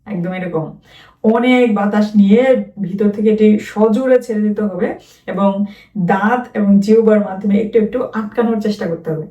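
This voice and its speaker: A woman teaching children letter sounds, repeating each sound slowly and clearly, step by step. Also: mid-range voice, mellow, dull audio. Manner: slow, drawn-out repetition of letter sounds. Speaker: phonics teacher. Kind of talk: children's phonics lesson. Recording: roomy echo, distant from the mic.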